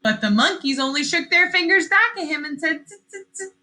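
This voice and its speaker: A female teacher reads a story aloud to young children in a high, fairly quick voice. She is expressive and asks questions, repeating phrases for emphasis.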